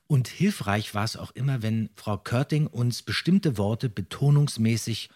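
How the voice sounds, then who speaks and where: A man's voice: mid-range voice, measured pace, darkish tone. A man, a former radio-play voice actor, reminiscing as a guest in a casual chat and sometimes acting out other speakers' lines.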